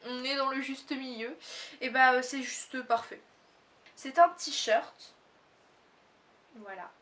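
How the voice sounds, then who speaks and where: A teenage girl from Réunion talks through a clothing haul in a high voice, full of fillers and quick self-corrections. She sits a bit back from the microphone, so her voice sounds slightly distant. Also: steady tone, a bit bright. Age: teens. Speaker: fashion haul vlogger. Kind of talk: casual haul video chat.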